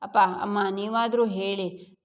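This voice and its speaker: A woman's voice: mid-range voice, level tone, a little slow, lightly acted. A woman voicing a young woman who pleads earnestly with her father, in a long echoing reverb. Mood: pleading.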